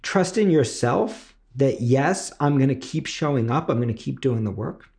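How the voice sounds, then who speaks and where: Animated and darkish in tone, with some vocal fry, this man speaks in a mid-range voice at a moderate pace. As a screenwriting teacher and podcast host, he motivates emphatically through repetition and frequent rhetorical check-ins.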